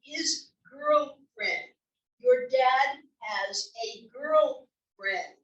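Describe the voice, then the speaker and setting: At a comedy table read, a woman plays a no-nonsense old wife who is dry and impatient with her husband, drawing out her words. Her high voice carries from a distance in an echoey room, and the sound is lo-fi.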